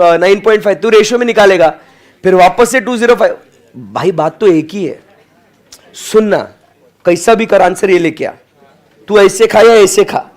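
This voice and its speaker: Joking high-voiced male teacher. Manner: joking, playful Hindi mixed with English. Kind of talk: classroom lecture. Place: classroom.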